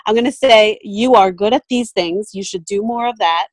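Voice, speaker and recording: Thoughtful and full of fillers and restarts, a woman photographer and mentor talks casually as a podcast guest in an interview. Her voice is mid-range at a normal speed, with no room sound.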